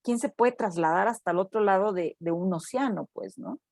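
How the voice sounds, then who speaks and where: A woman's voice: mid-range voice, fairly quick, no room sound, clean studio sound. A Mexican woman, a university researcher, telling a story in a casual interview and often tagging her sentences with "no?". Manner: animated storytelling, acts out quoted voices, frequent "¿no?" tags.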